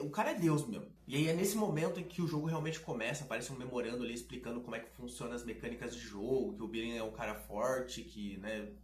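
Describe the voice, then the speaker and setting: A man's voice: medium pitch, a little hiss or hum. A man giving casual, sarcastic, slangy game commentary as host of a gaming channel. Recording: roomy echo.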